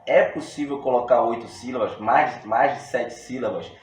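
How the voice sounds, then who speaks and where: A man with a Brazilian Portuguese accent teaching a poetry workshop lesson in a relaxed, slangy way, explaining step by step with frequent restarts. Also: medium pitch, normal speed. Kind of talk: casual video lesson. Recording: roomy echo with faint room noise.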